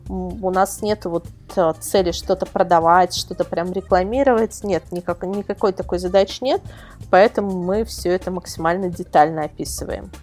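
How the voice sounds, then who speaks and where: Faint music plays behind this interview guest, a website editor and product reviewer whose voice is fairly low and a little mellow. She talks at a moderate pace, explaining things informally, wandering a bit and stressing points by repeating them.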